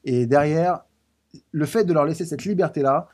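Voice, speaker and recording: A man, a pizza business founder, talking as a guest in a studio interview, lively and quick with repeated starts. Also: a little high.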